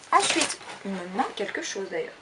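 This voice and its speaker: A woman's voice: fairly high pitch, sing-song, moderate pace, distant mic, noisy background. A woman chatting casually in a shopping haul vlog, rambling with lots of fillers. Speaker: vlogger.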